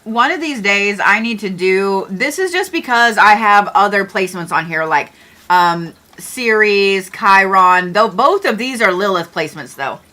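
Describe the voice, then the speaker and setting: A woman's voice: mid-range voice, expressive, measured pace, sharp tone. A middle-aged woman hosting an astrology livestream, chatting casually and joking with viewers, with the odd swear word.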